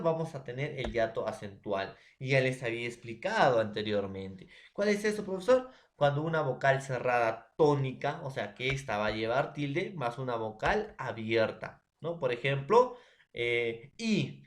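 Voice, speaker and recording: A man with a Peruvian Spanish accent teaching a recorded grammar lesson, often checking in with his students. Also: mid-range voice. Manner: addresses students as jóvenes, checks with ¿ya?.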